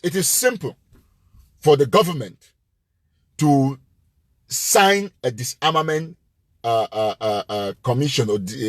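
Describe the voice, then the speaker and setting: A man's voice: on the high side, husky, dry recording, studio quality. A man hosting a live show, giving an impassioned, emphatic address that repeats its points with rising force. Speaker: live-show host and political commentator.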